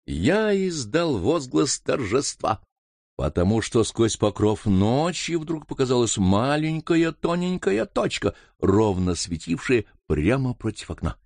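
A man reading an audiobook aloud with expressive narration. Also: mid-range voice, a little slow, vocal fry, no room sound. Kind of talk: scripted narration.

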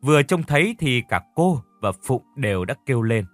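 A man narrating a dramatic story in an expressive reading voice. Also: mid-range voice, normal speed, no echo. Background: faint music.

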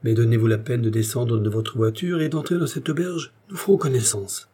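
A man's voice: medium pitch, fairly quick, dark tone, breathy edge, natural voice. A man doing a formal young officer. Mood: courteous. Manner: courteous, formal, then impatient. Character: young noble officer, polite, puzzled.

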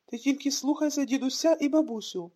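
Woman reading as a young dad faking cheer on the phone, tense underneath, voice a bit high. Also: brisk, dark tone, close to an everyday voice. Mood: forced cheer. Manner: forced cheerfulness. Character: young father, hiding his worry. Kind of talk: audiobook reading.

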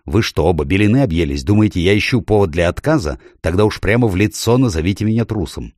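A man's voice: low-pitched, animated, fast, a little mellow, dry recording, studio quality. A man reading an audiobook, voicing a middle-aged usurper king who barks indignantly at his lords. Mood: furious. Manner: barking, indignant.

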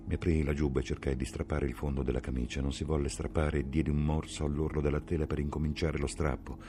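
A man reading a novel aloud as an audiobook, in a measured, slow and grave dramatic narration. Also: rumbling low, level tone. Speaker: audiobook reader.

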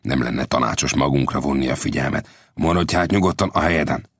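A man's voice: extremely low pitch, a bit bright, husky, no echo, studio quality, heavily acted. A man voicing a cautious, widowed middle-aged blacksmith in an audiobook, earnest and warning. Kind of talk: audiobook character voice.

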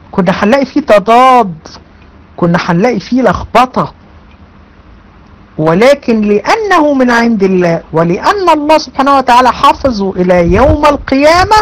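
A woman's voice: on the high side, low-quality recording. Emphatic Egyptian woman teaching religion. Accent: Egyptian Arabic. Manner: emphatic, repeats phrases, addresses students directly. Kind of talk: online religious lecture.

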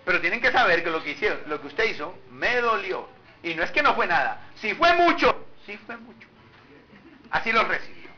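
A man preaching a sermon in a very bright, high voice that swings widely in pitch. He keeps asking his congregation rhetorical questions. The recording is a bit muffled, with faint noise behind him. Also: animated, fast. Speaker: pastor.

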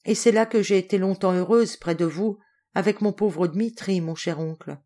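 A woman doing a soft, sad widowed niece. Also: mid-range voice, normal speed, natural voice. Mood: tender, subdued. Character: sad widowed noblewoman, gentle, grateful niece.

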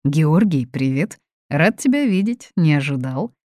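A woman voicing a grown son who speaks quietly and ironically, worn down by his mother. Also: low-pitched, animated, unhurried, no echo, clean studio sound.

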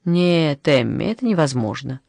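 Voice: medium pitch, expressive, normal speed, vocal fry, darkish tone, no echo. A reader giving voice to a flustered young man from an audiobook, sheepish and playful. His mid-range voice sits dry and close, with no room around it. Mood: teasing. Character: flustered, evasive young man, devil's envoy.

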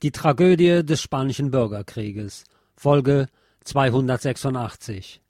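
Narrating a history radio series, a man reads a scripted documentary at an unhurried pace. His medium-pitched voice has a darkish tone, captured in a studio-quality recording without echo.

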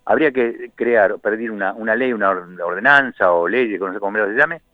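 An impassioned Argentine man rambles indignantly in a low voice over a tinny phone line. He sounds dry and close, with no room around him. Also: moderate pace, no room sound. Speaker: radio correspondent. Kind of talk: phone-in radio commentary.

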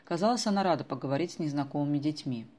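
A woman narrates a children's adventure in a slightly low voice. Her delivery is an even, steady storytelling read. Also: racing. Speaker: audiobook narrator. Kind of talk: scripted narration.

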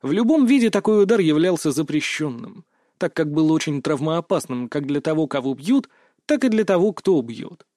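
A man reading first-person audiobook narration in a tense, brisk way. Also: on the high side, lively intonation, a little mellow, no echo, clean studio sound.

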